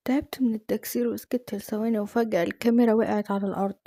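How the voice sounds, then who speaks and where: Fast-talking Egyptian woman storyteller. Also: fairly high pitch, fairly even intonation, mellow, no echo. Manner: emotional, fast-flowing. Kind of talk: first-person dramatic story narration.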